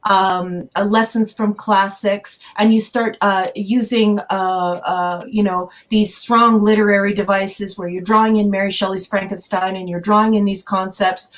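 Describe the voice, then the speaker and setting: A woman's voice: medium pitch, level tone, unhurried, few pauses. A woman on a podcast panel, speaking in an effusive, playful casual chat with many restarts.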